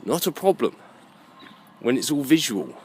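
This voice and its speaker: Unhurried and a little mellow, this British vlogger has a mid-range voice with a breathy edge and big pitch swings. His monologue rambles and is opinionated and emphatic, packed with rhetorical questions and checks that the listener gets it.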